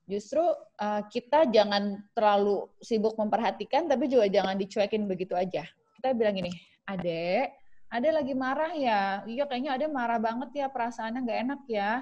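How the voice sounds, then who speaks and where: A woman's voice: mid-range voice, a little mellow. A woman speaking as a psychiatrist in an online webinar talk, acting out short dialogues between parent and child as examples. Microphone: video call. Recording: lo-fi video call audio.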